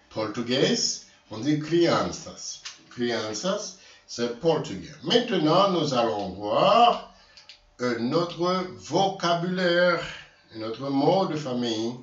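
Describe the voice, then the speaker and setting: A man teaching vocabulary in a slow lesson, repeating words and correcting himself. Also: medium pitch. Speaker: language teacher. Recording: distant echoey room, dull lo-fi sound.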